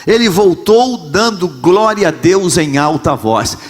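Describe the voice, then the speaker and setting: A man preaching a Pentecostal sermon as pastor in a large church, with a Rio de Janeiro Brazilian Portuguese accent, impassioned, often shouting and repeating phrases. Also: sits high, animated, slow, breathy edge, big-room sound.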